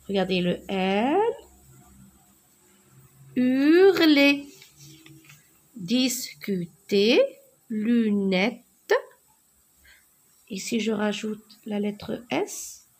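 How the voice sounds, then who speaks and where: A woman teaching a slow spelling and writing lesson, saying words letter by letter in clear, deliberate diction. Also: mid-range voice, darkish tone.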